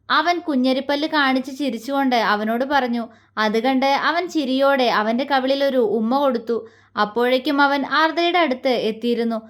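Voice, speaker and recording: A woman storyteller reading a romance story aloud in a steady, plain way. Her voice sits high.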